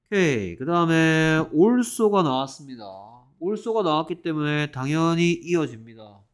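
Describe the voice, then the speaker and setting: A man teaching an exam-prep English class to Korean students. He reads English sentences slowly, explains them, and keeps asking the class whether they follow. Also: fairly high pitch, lively intonation. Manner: repeats checking questions, reads English slowly then explains.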